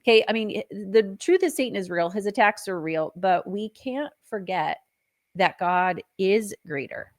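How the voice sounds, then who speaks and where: A middle-aged woman hosting a faith podcast, teaching in a chatty, animated way with playful asides. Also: mid-range voice, moderate pace. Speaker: podcast host and minister.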